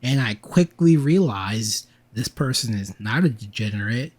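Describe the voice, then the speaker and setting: A man's voice: medium pitch, animated, unhurried. A man co-hosting a podcast, telling a rambling story in casual chat and acting out what people said. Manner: rambling storyteller, acts out quotes. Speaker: podcast co-host.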